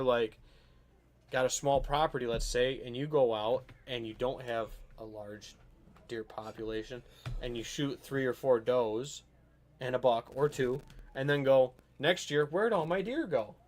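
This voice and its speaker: Animated rambling podcast host, man. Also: medium pitch. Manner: rambling, animated, checks if listener follows. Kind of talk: casual hunting podcast chat.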